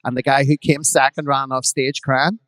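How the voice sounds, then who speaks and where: A man's voice: medium pitch, little pitch movement, normal speed, a bit bright, no room sound. A man with a Belfast accent, a drag performer and guest, telling frank, bawdy stories at a live podcast, with quoted voices. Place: live venue before an audience.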